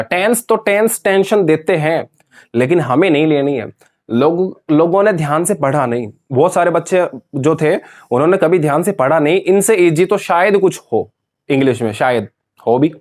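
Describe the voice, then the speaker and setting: Male grammar teacher, higher pitch, patient repetitive classroom delivery. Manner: calls students dear children, repeats key points. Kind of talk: classroom lecture.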